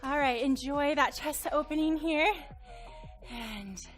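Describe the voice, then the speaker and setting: High-voiced woman cueing a Pilates class. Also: slow pace, soft background music. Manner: encouraging, counts reps aloud. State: slightly out of breath. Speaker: Pilates instructor.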